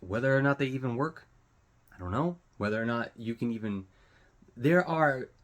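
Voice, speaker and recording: A man hosts his own online show, rambling through casual, unscripted news commentary in a halting way, searching for words and swearing casually. His mid-range voice has lively intonation and a fairly bright tone.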